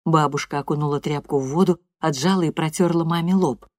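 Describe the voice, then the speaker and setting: Low, husky woman narrator, calm storyteller, dry close studio mic. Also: fairly quick, no room sound. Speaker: audiobook narrator. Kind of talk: scripted narration.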